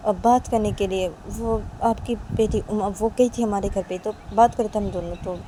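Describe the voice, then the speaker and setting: A woman's voice: medium pitch, fairly even intonation, moderate pace, warm tone, close to an everyday voice. A shy, tomboyish young woman, as a woman storyteller voices her, stammering and hesitant. The recording is noisy with traffic behind.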